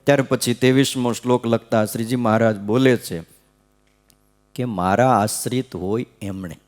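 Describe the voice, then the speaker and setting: Man, swami, chatty devotional sermon, mid-pitched voice, keeps checking in with the listeners. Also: steady tone, normal speed, darkish tone, faint music behind. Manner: conversational preaching, frequent "hm?" checks, sing-song verse chanting. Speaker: swami giving scripture discourse. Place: gurukul temple hall.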